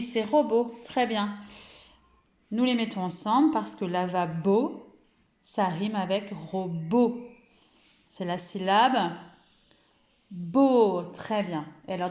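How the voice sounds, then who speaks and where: A woman's voice: medium pitch, measured pace, a little mellow, roomy sound. A woman teaching young children remotely, stretching out words and syllables and praising often, with a French accent. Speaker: kindergarten teacher.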